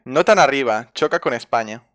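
A young man streaming a video game, chatting casually and excitably, swearing and reading on-screen text aloud. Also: medium pitch, fairly quick, background noise. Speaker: gaming streamer. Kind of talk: casual gameplay commentary.

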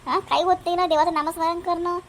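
A woman voicing a calm, reassuring village neighbor woman who repeats herself firmly. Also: very high voice, fast talker, slight background noise. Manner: reassuring, firm, repetitive.

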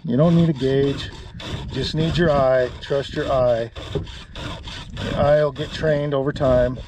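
Middle-aged man, plain-spoken outdoor instructor; close action-camera sound, steady background noise. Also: medium pitch, a little slow, recorded from a distance. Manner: folksy, plain-spoken, self-correcting. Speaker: chainsaw instructor. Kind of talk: casual outdoor how-to demonstration. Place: outdoors in a rural yard.

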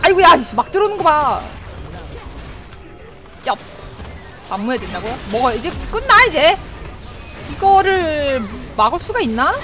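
Female streamer, very high voice, lively swings, yelps and laughs over faint game music. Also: normal speed, pauses often. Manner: animated, yelps and laughs, talks to the screen. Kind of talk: excited gameplay commentary.

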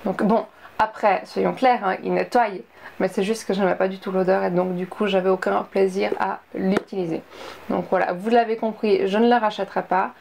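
A woman's voice: mid-range voice, steady tone, normal speed, vocal fry, darkish tone, a little hiss or hum. A young woman chatting casually through a beauty product review, full of fillers and asides. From Switzerland. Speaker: beauty vlogger.

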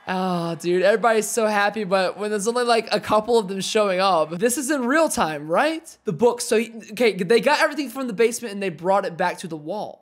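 Recording on a headset in a small home room, a high-pitched young man in his twenties reacts to an anime episode. His commentary is casual and excitable, full of exclamations, laughter and subtitles read aloud.

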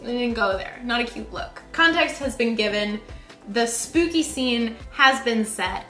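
A woman's voice: on the high side, expressive, unhurried, pushed and bright, soft background music. A woman co-hosting a casual home video with playful, wry joking. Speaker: co-host. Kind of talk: casual chat. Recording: echoey room.

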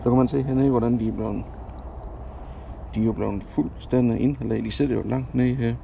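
Medium-pitched and dark in tone, this fishing vlogger's voice stays steady with vocal fry as he rambles chattily through his lakeside trip, often correcting himself. A head-mounted action camera records him, with slight background noise.

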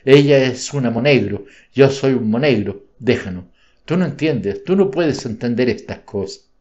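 A man's voice: mid-range voice, expressive, normal speed, a little mellow, natural voice. A male narrator voicing a stern, troubled middle-aged father who speaks with bitter sarcasm, in a slightly dull audiobook recording.

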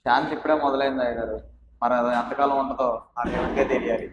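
A man's voice: medium pitch, flat delivery, racing, lo-fi sound, very noisy, natural voice. A man voicing a resigned husband who promises the pastor to keep peace.

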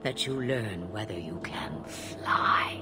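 Slow, imperious ancient dragon witch. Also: extremely low pitch, animated, whispered, music in the background, heavily acted. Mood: solemn, cryptic. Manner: slow, deliberate, portentous. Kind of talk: video game voice acting.

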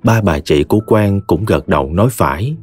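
A man with a Southern Vietnamese accent narrating a story in a measured storytelling manner. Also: sits low, animated, a little mellow, soft background music. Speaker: audiobook narrator.

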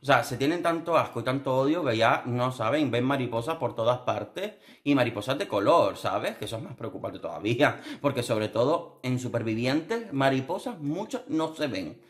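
Brief: young man from Spain, camp sarcastic reality-show commentator, theatrical asides, mid-pitched voice. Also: animated, moderate pace, hardly any pauses. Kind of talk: casual commentary vlog.

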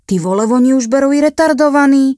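A woman's voice: medium pitch, no echo, studio quality, natural voice. A woman voicing a rude, impatient young male paramedic who barks orders and mocks in coarse slang, in a horror story reading. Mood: mocking, impatient.

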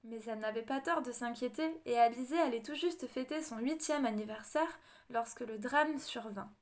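A woman narrating a storybook audiobook in a measured, expressive read-aloud manner. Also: on the high side. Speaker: audiobook reader.

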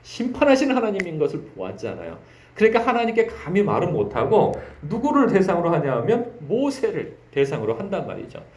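A male pastor delivers an early-morning sermon in a high, animated voice that swings widely in pitch. He presses his points with rhetorical questions and acts out dramatic laments. The room gives his voice a noticeable echo. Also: fairly quick.

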